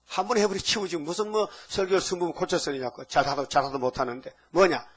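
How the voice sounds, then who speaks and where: An older male pastor preaches, firing off rhetorical questions and asides. His voice sits a little high for a man and has a husky edge. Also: a little fast. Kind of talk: sermon.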